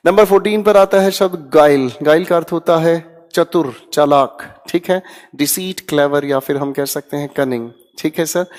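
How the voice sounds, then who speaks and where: An energetic man teaches English vocabulary in Hindi for exam prep. He drills each word aloud with his students and keeps checking that they follow. His voice sits a little high and rings in a long hall reverb.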